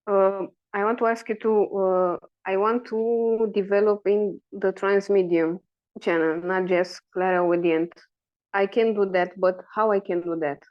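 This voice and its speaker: A woman asking personal questions as a client in a guidance session, halting and searching for words. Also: medium pitch, fairly even intonation, muffled recording.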